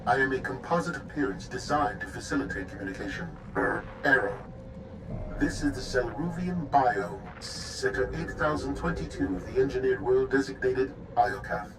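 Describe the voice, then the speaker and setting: A too-smooth male android guide, played by a man in a video game, stiffly polite and plainly machine-like, stalling on glitches. His voice sits at an ordinary middle pitch. A clear hiss of background noise runs under the game audio. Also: expressive, normal speed, lightly acted. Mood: mechanical, polite.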